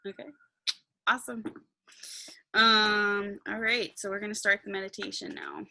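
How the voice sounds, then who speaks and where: A woman's voice: medium pitch, huge pitch swings, a little slow, vocal fry, bright, forceful tone, slight background noise, poor audio. A woman talking casually to a group as a meditation teacher, encouraging and checking in with her listeners. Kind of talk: casual, informal talk to a group.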